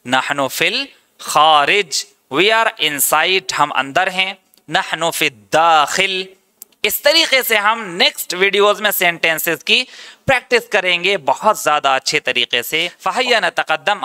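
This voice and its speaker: A man with an Indian accent teaching spoken Arabic, slowly translating and repeating each word. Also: high voice, pushed and bright, clear, resonant tone. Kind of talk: spoken language lesson.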